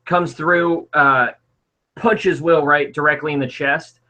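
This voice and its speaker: A man's voice: fairly high pitch, steady tone, slow pace, sharp tone. A man narrating a tabletop game as game master, casual and rambling with lots of filler words.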